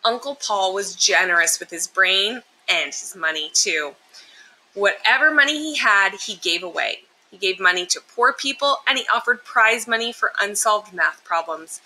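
Reading a children's picture book aloud at a moderate pace, a woman with a mid-range voice is expressive, explaining and emphasizing points for young listeners. The audio is poor, with steady background noise clearly present.

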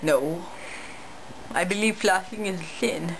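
A young woman in her twenties playing a deadpan odd man, answering interview questions in a flat voice into a close webcam in a small bedroom. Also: lowish voice, slow pace, vocal fry, slight background noise, poor audio. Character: deadpan odd man called Edgar Vargas. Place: small cluttered bedroom, indoors. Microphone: webcam at close range.

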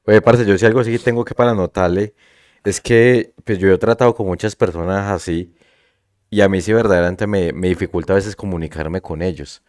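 A man's voice: sits low, fairly even intonation, brisk, darkish tone, no room sound, studio quality. A man, a podcast co-host chatting casually and sharing his own experience in an earnest way. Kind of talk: casual chat.

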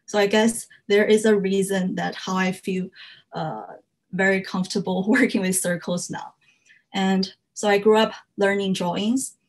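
A woman's voice: medium pitch, fairly even intonation, measured pace. Young woman, from China, English as a second language, earnest, frequent fillers, slide talk over a video call. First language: Chinese. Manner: earnest, frequent "uh" fillers, slightly non-native grammar. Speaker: fiber artist giving a library talk.

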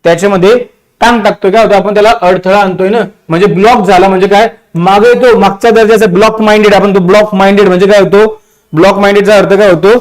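A man's voice: high voice, steady tone, fast. A male teacher with a Marathi accent giving an exam-prep vocabulary lecture, repeating meanings and quizzing his class. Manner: repetitive, drilling meanings and asking the class.

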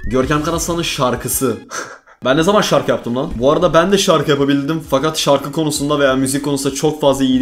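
A young man from Turkey reacting to searches about himself in a casual vlog, joking and swearing freely. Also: fairly high pitch. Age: young adult. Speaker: YouTuber.

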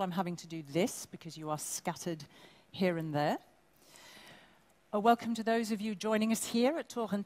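A woman from England presenting an awards ceremony on stage, brisk, bossy and joking with the audience. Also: on the low side, darkish tone. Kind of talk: live stage hosting. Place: large event hall. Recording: long hall reverb.

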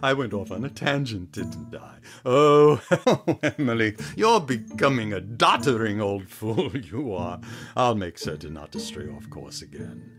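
A man performs an old, doddering British storyteller in a comic audio drama. The voice is low and lively, theatrical and rambling, with music behind it. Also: a little slow. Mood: flustered, amused. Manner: theatrical, digressive.

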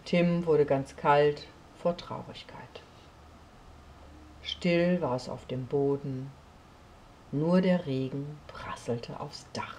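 A woman reading a children's story aloud, slow and expressive, often sinking to a soft near whisper. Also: low-pitched, a little hiss or hum.

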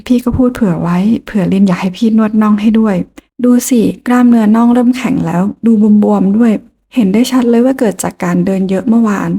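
A woman voicing a gentle, teasing young man who dotes on a girl like an older brother, in an audio novel. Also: medium pitch, fast talker, breathy edge. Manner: soft, tender, polite male speech with a playful edge.

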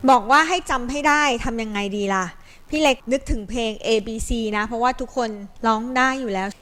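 A woman's voice: fairly high pitch, fairly quick, a bit bright. A woman from Thailand explaining English grammar in a patient, step-by-step way, calling herself an older sister to her students. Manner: patient and explanatory, sings a tune as a memory aid. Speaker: English tutor. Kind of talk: Thai grammar lesson.

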